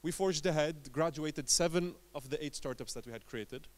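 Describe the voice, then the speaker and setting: Speaking at a fairly high pitch, a man from Lebanon tells his entrepreneurial story to a conference audience using punchy, emphatic lines and dramatic pauses.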